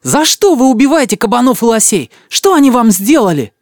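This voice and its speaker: A man reading an audiobook voices an outraged young boy who shouts in a breaking voice. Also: very high-pitched, animated, a little fast, no echo, clean studio sound, voice pushed up. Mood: outraged shouting. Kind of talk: audiobook character voice.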